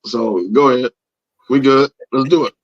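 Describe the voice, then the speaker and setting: A man co-hosting a casual chat, his voice hoarse, raspy and strained, nearly gone. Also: medium pitch, normal speed, muffled recording. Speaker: podcast co-host. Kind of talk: casual chat among friends.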